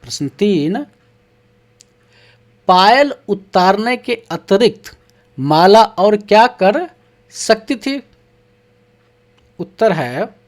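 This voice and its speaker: A teacher walks young children through a textbook lesson at an unhurried pace. The voice sits in a middle pitch, reading each question aloud before answering it. Words are broken into syllables with patient care. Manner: reads questions aloud, then answers them.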